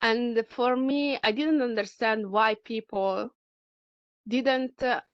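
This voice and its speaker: A middle-aged woman speaks English, taking her time and pausing often to search for her words. Her voice comes through smooth and clear, though the recording itself is dull and lo-fi. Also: fairly high pitch, fairly even intonation, no echo. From Italy. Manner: halting, searching for words, many fillers. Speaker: speaker sharing personal experience. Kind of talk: personal testimony at a talk.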